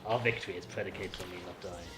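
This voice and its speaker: A man playing a video game while chatting casually as co-host, excitable with sudden high yelps and laughs. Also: quick pace, music in the background. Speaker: gameplay co-host and player. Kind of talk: casual gameplay commentary. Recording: echoey room with background noise.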